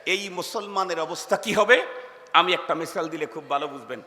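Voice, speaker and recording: Male preacher, sermon delivery, bright edge, long hall echo, emphatic with call-and-response questions. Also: a little high, moderate pace. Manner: emphatic, repeats phrases, quizzes listeners, swings from hushed to shouting. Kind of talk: Islamic sermon to a crowd.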